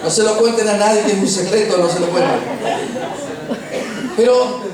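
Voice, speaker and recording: A middle-aged man with an Argentine accent preaching a sermon, telling personal stories with humor and slowing down for emphasis. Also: high voice, crowd noise. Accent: Argentine Spanish. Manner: humorous storytelling, slows for emphasis. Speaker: pastor. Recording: echoey room, distant mic, faint noise.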